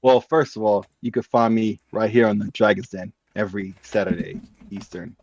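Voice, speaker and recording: A man appearing as a guest on a gaming podcast, chatting in an animated, playful way. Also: lowish voice, normal speed, muffled recording. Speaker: guest streamer. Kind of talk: casual chat.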